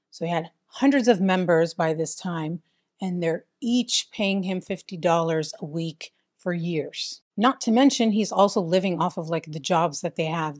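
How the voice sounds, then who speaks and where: A woman's voice: on the low side, dry recording. Chatty woman vlogger, dry sound. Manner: chatty, peppered with "like" and "whatever". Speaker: host. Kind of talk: casual chat.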